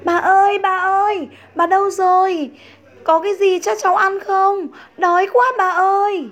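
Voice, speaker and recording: A woman's voice: very high-pitched, flat delivery, normal speed, lo-fi sound, voice pushed up. A woman voicing a small boy who cries and calls for his grandmother in a children's story. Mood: hungry, calling. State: crying.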